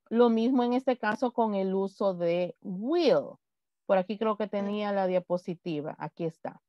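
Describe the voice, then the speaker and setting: Woman teacher, unhurried and slightly high, dry dull video-call sound. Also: no echo. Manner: patient, repeats example sentences slowly. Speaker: English teacher. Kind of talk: online class instruction.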